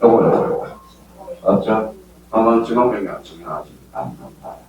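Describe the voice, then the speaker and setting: A man's voice: lowish voice, moderate pace, recorded from a distance, muffled recording. An older man with a Gyeongsang accent gives a classroom lecture to exam students, constantly quizzing them with questions. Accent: Gyeongsang Korean. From Gyeongsang region, Korea. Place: lecture hall with live students. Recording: very echoey hall, voice heard from afar, faint hum.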